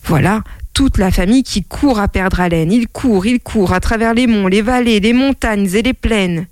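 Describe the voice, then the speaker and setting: A woman reading a children's tale aloud as a storyteller, in an expressive, drawn-out way. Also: mid-range voice, dry recording.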